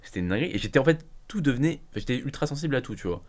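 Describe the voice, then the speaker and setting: A man's voice: medium pitch, expressive, rapid-fire, a little mellow. A man, co-hosting a casual podcast chat, rambling with many fillers and restarts. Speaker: podcast co-host. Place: podcast studio.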